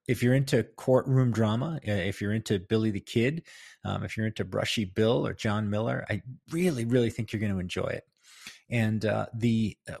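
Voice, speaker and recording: Middle aged guy host, deep gravelly voice kinda beat up from singing, rambling casual chat. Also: darkish tone, no echo, clean studio sound. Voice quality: gravelly, worn voice. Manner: rambling, chuckling, informal. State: voice strained from singing the night before. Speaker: host of a history show, filmmaker and musician. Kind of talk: casual solo chat to listeners.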